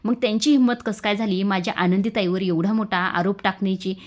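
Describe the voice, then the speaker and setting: A fierce young sister who answers back to defend her sibling, voiced by a woman. Her lines are read in a middle pitch with a plain tone. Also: steady tone, a little fast, lightly acted. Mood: angry. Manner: angry and defiant.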